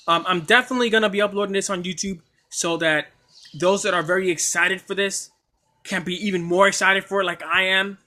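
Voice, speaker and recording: A man chatting casually on a livestream, excitable and stammering, often repeating himself and apologizing. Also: high voice, a little fast. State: coughing at times. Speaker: anime streamer.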